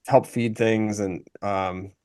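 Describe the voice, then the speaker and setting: A man's voice: on the low side, fairly even intonation, slow pace, dark tone, clear, resonant tone. A man hosting a podcast in casual chat, rambling through restarts and fillers. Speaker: podcast host.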